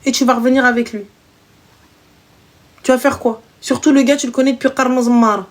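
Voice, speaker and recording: A woman's voice: a little high, steady tone, brisk. A woman hosting a live stream, giving blunt, teasing, slangy advice to callers in casual chat.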